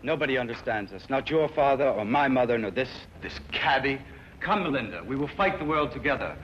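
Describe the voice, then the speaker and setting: A man's voice: medium pitch, animated, brisk, a bit bright, dull audio, a little hiss or hum, natural voice. An actor playing a frantic young man eloping, pleading and melodramatic. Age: young adult.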